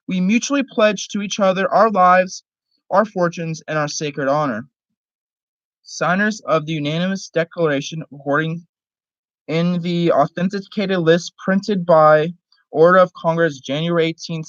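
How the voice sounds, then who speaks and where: A person giving a solemn, halting reading aloud of a formal historical document. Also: medium pitch, no room sound. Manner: halting, stumbles over words and rereads them. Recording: dull lo-fi recording.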